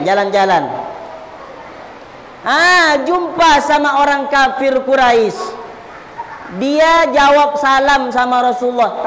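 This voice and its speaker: A woman preaching a humorous sermon, her voice sitting high and ringing out through a large mosque hall. She tells her stories briskly and lively, slipping into little acted voices as she goes, picked up over a PA microphone with a faint hum of the room around her. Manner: lively storytelling, acts out quoted voices. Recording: echoey hall with faint ambience.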